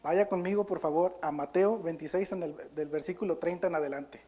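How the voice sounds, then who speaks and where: A pastor delivers a sermon in a fairly high male voice. He is earnest and a little halting, often stopping to correct himself. When he reads scripture aloud, he leans hard on the key words. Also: fairly even intonation, mellow, faint music behind. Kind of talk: Spanish-language sermon with Bible reading.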